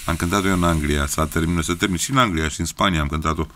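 A man's voice: low voice, sharp tone. A Romanian man in his fifties, a guest singer chatting casually in an earthy, colloquial way with slangy interjections. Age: 50s. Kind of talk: casual chat.

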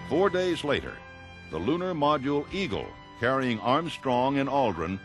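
A man giving scripted documentary narration in an even, informative way. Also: mid-range voice, normal speed. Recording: narration over clear music.

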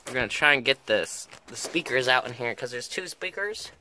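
A man's voice: mid-range voice, lively intonation, moderate pace, sharp tone, a little hiss or hum. A man filming himself pulling speakers out of an old pickup, talking in a joking put-on twangy drawl and muttering while he works inside the cab. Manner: mutters and grunts while working with his hands. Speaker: car-repair vlogger. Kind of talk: casual hands-on tutorial chat. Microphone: handheld camera held close while working.

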